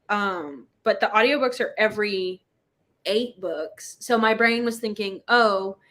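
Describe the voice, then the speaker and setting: A woman hosts a casual book chat livestream, talking in a playful, exclamatory, slangy way and spelling out internet abbreviations. Her voice is mid-range with a fairly bright tone.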